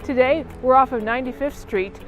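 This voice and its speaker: A woman's voice: high-pitched, a little fast, phone-quality sound. A woman hosting a local TV business show, interviewing a guest in a friendly, encouraging way. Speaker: TV host.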